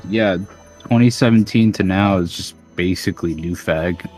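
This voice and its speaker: A young podcast host with a very deep voice rambles through casual chat, crude and full of fillers. Faint music sits quietly under his talk. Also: normal speed.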